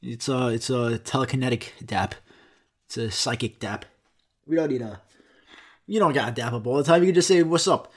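A young American man who grew up speaking Greek rambles through a casual solo Q and A, answering viewer questions with plenty of swearing and self-mockery. His voice is husky and medium-pitched, and he speaks at a normal speed with long pauses.

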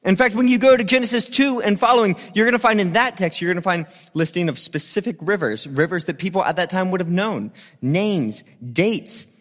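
A man's voice: high voice, expressive, brisk, fairly bright tone. A man preaching a sermon, teaching scripture with dramatic emphasis, repeated phrases and informal asides. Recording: long reverb of a large hall.

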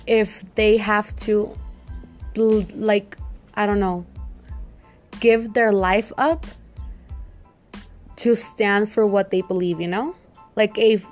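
Woman doing casual reactions, slow rambly talker, kinda gushy, faint music in back. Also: medium pitch. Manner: gushing, informal, rambling. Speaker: host reacting to videos.

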